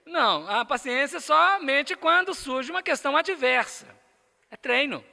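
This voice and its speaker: A man's voice: extremely high pitch, lively intonation, unhurried, vocal fry, bright, forceful tone. A man with a Brazilian accent giving a spiritist lecture, emphatic and asking the audience rhetorical questions. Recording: echoey lecture hall.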